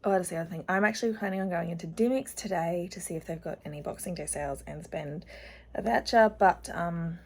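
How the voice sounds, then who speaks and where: A woman's voice: on the low side, a little fast, vocal fry. A young woman, chatting casually about her reading in a rambling way, full of ums and likes. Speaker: book vlogger. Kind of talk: casual reading vlog chat. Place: at home. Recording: noisy home recording.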